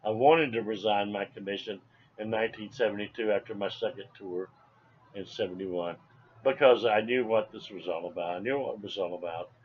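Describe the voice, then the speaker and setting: Seventy-year-old veteran remembering, dull lo-fi recording. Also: male voice, lowish voice, brisk. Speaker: Vietnam veteran being interviewed. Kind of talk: informal interview, personal recollection. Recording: dull lo-fi sound, background noise.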